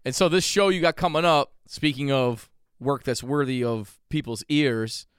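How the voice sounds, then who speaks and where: A man hosting a podcast interview, relaxed and thinking aloud as he talks. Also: mid-range voice, moderate pace, clear, resonant tone, dry recording, clean studio sound. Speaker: podcast host. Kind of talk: casual interview chat.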